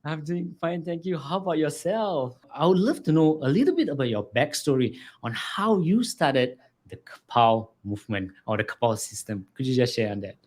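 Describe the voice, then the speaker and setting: A man's voice: a little high, lively intonation, normal speed, a little mellow. A man hosting a casual interview, friendly and hedging, with many fillers. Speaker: interview show host.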